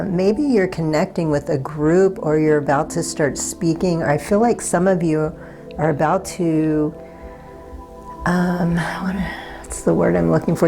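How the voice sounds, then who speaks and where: Her low, mellow voice is slightly raspy after a day without speaking as this tarot reader leads a pick-a-card session. She stays soft, unhurried, and gently reassuring, stopping now and then to find her words.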